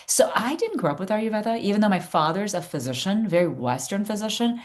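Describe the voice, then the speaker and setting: A woman in her fifties who grew up in Chicago, a guest neurologist telling her story in an earnest podcast interview, quick to laugh. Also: medium pitch, big pitch swings. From United States (Chicago). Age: 50s.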